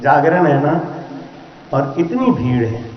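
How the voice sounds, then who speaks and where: A man singing devotional verses in long, drawn-out lines and preaching at a night gathering through a handheld mic. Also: on the high side, reverberant, dull audio. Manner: slow drawn-out singing, then quick lively preaching to a crowd. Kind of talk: devotional singing and satsang sermon. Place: night gathering before a crowd.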